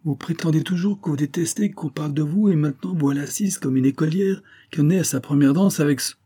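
A man reading aloud voicing an irritable, bossy woman in a shrill, scolding manner. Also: fairly quick, warm tone, husky, no room sound, studio quality. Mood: mocking.

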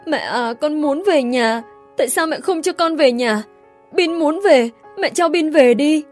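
A small boy crying and begging for his mother, his voice lifted high and thin with tears, as a woman reads him in a storybook. Every line comes out as a choked, tearful plea, small and desperate. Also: a little slow, faint music behind. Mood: tearful pleading. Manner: tearful pleading.

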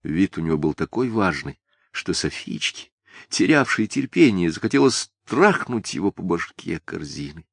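A man reading a story aloud as narrator with an expressive, storytelling delivery. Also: low voice, normal speed, gravelly, breathy edge, dry recording, studio quality.

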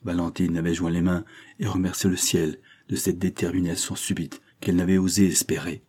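A male audiobook narrator reading a classic novel. His voice is very low and husky, with a dark, mellow tone. He tells the story in a measured, literary way. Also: little pitch movement.

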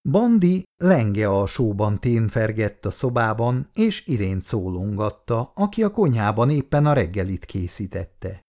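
A man narrating a story in an expressive reading style. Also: on the low side, few pauses.

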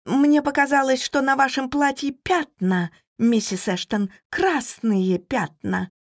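A woman's voice: mid-range voice, moderate pace, a little mellow, breathy edge, no echo, studio quality, pitched above the performer's own voice. A woman reading an audiobook voices a timid young female cook who stammers and apologizes nervously. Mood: flustered.

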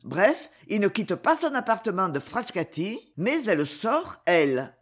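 An anguished wife whose voice rises and falls in wide swings, as a reader puts her on. Her tone is slightly husky, and the words come from an audiobook reading. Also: mid-range voice, big pitch swings, unhurried. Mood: distressed. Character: anguished wife, a woman afraid for her husband. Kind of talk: audiobook dialogue.

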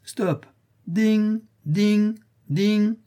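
A man's voice: high-pitched, drawn-out words, clear, resonant tone, pitched above the performer's own voice. A man voicing an eager young boy who pretends to be a steamboat, calling out commands and bell sounds in an audiobook reading. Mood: playful, shouting. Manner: shouted commands and bell noises.

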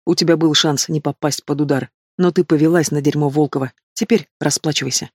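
A man's voice: a little high, fairly even intonation, brisk, darkish tone, dry recording, studio quality, lightly acted. Man voicing a cold, scornful young henchman. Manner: cold, contemptuous.

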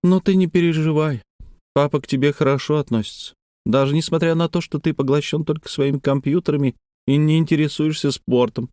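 Man doing a petulant young girl, high put-on voice, storybook reading, dry. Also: steady tone, brisk, darkish tone, dry recording, natural voice. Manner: petulant and pouting. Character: whiny, stubborn young girl.

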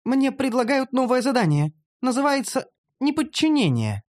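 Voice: high-pitched, very animated, moderate pace, a little mellow, pitched above the performer's own voice. Чтец изображает дерзкую насмешливую эльфийку. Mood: teasing. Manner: teasing, brash. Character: young female elf, bold and mocking. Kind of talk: audiobook character voice.

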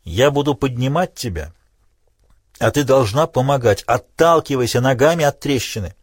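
A man's voice: mid-range voice, expressive, normal speed, dry recording, clean studio sound, natural voice. A man voicing a tough male climber who speaks in short, curt commands. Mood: commanding. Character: tough male climber giving terse orders.

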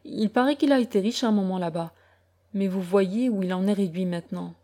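A woman's voice: mid-range voice, brisk, dark tone, close to an everyday voice. A woman voicing a self-important ship's captain who answers in a dry, clipped way. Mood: curt.

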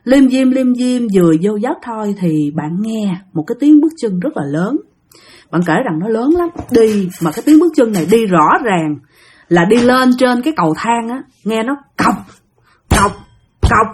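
A woman narrates a ghost story in a chatty way, speaking straight to her listeners. Her voice sits high and swoops through a wide, lively range. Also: moderate pace, a little hiss or hum. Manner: chatty, addresses listeners directly.

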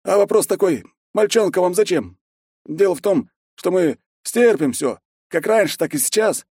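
A man's voice: sits high, expressive, normal speed, dark tone, husky, no room sound, clean studio sound, pitched above the performer's own voice. A man voicing a wary, folksy middle-aged village headman and warrior who talks in a wheedling, cagey way.

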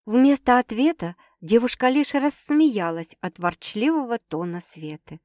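A woman narrating an audiobook with a steady, expressive reading. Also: on the high side, measured pace, dry recording, clean studio sound.

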